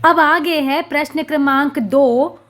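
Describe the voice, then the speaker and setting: A woman with a high voice gives a lesson for young children. She speaks very slowly and clearly, drawing out each syllable in a sing-song teaching tone. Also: steady tone, a bit bright. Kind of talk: children's Hindi lesson, reciting and sounding out syllables.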